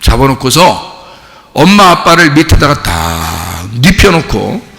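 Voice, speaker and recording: A man preaching a sermon as pastor, animated and full of rhetorical questions to the congregation, acting out quoted voices. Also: mid-range voice, measured pace, vocal fry, big-room sound. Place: church sanctuary.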